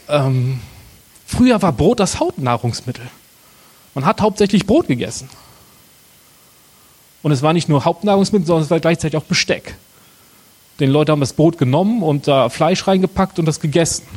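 A young adult man preaching a sermon, with dramatic pauses and slow, emphatic phrasing. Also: a little high, lively intonation, a little mellow, slightly rough. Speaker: pastor.

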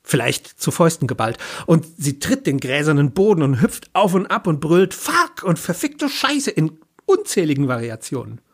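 A man's voice: fairly high pitch, expressive, moderate pace. A man narrating a first-person story in a wry, speculative way.

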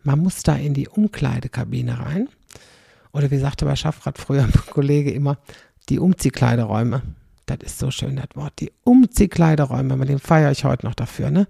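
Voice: mid-range voice, a little fast, gravelly, mellow, breathy edge, dry recording, studio quality. A middle-aged comedian, doing a chatty, rambling stand-up monologue and tagging sentences with "ne?". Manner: rambling, chatty, constantly tags "ne?".

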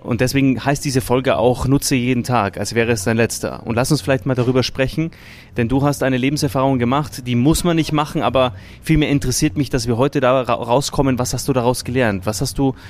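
A man's voice: mid-range voice, fairly even intonation, fairly quick, a little mellow. Enthusiastic male interview host. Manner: enthusiastic, many fillers. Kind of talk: casual interview. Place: restaurant in Munich.

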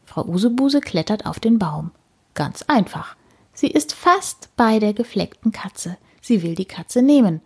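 A woman reading a children's story aloud, slow and expressive with deliberate repetition. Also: mid-range voice, slightly rough.

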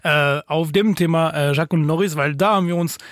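A man's voice: a little high, fairly quick, dry recording, clean studio sound. A man from France co-hosting a podcast, speaking German with a French accent and searching for words. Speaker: podcast co-host. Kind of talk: casual chat.

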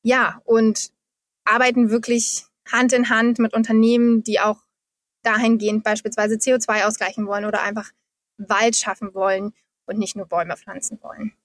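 A woman's voice: a little high, level tone, normal speed, no echo, studio quality. A woman in her thirties, a guest in an interview, explaining figures steadily and with enthusiasm. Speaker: guest, founder of a forest project. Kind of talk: interview answers.

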